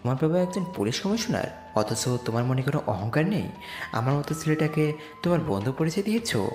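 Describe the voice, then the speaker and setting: A male actor plays a poor young slum boy, humble and earnest, narrating his story and speaking dialogue in a romantic audio drama. His fairly high voice is brisk and animated, with a shy, humble mood. Heavy echoey reverb surrounds him, and music plays underneath.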